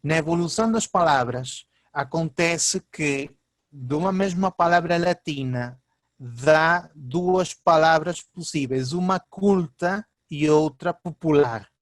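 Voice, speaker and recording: A male linguistics professor, lecturing through slides in a halting way, with many fillers and "ok?" checks. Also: on the high side, no echo.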